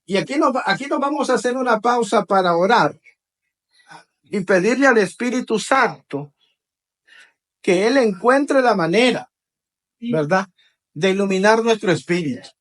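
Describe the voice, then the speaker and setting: A man's voice: high-pitched, lively intonation, unhurried, long pauses. A man preaching to a congregation, leading call-and-response and tagging his phrases with "¿verdad?". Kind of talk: teaching sermon to a congregation.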